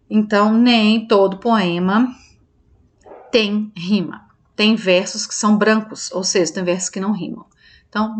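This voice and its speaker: A Brazilian woman teacher talks through quiz answers in a relaxed, chatty online lesson. She thinks aloud, corrects herself, and keeps checking that her students follow. Her voice sits at an ordinary middle pitch for a woman. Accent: Brazilian Portuguese. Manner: chatty, checks in with listeners often.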